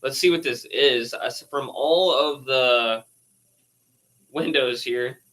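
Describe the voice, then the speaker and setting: A man's voice: mid-range voice, takes it slowly, a bit bright, rough recording. A casual man reading out news posts and riffing on them, with laughing asides and swearing. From United States. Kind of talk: casual rambling commentary.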